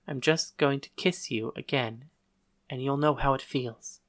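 A man reading a storybook, voicing a gentle, reassuring teenage girl in a soft, patient way. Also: medium pitch, unhurried, natural voice. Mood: soothing. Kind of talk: audiobook reading.

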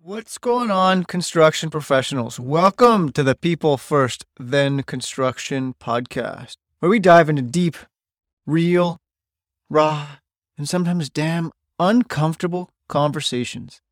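A man's voice: fairly high pitch, unhurried, dry recording, studio quality. Blunt, emphatic male podcast host. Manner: blunt, emphatic, swears freely. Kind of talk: solo podcast monologue.

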